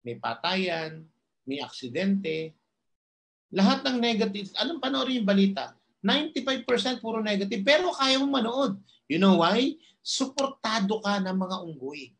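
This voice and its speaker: A man with a high voice gives a motivational seminar talk. He is animated and laughs often. He keeps asking the audience rhetorical questions and acts out the doubting voices in their heads. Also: normal speed. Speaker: motivational speaker.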